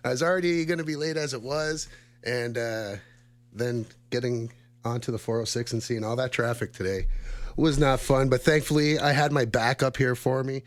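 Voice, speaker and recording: A man's voice: medium pitch, fairly even intonation, moderate pace. A young man from Canada hosting a casual campus radio show, a little out of breath, chatty and rambling with fillers and frequent laughs, on a studio mic.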